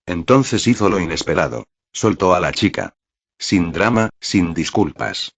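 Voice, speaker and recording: A man narrating a fan fiction story in a measured, dramatic reading. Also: low-pitched, expressive, husky, dry recording. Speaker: fanfic narrator.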